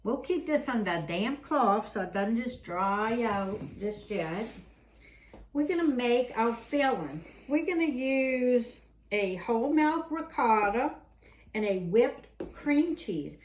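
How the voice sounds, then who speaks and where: Presenting her home cooking show from an indoor kitchen, a woman talks through every step in a folksy, chatty way. Her voice sits on the high side, animated yet slow, in an echoey space with faint noise behind it.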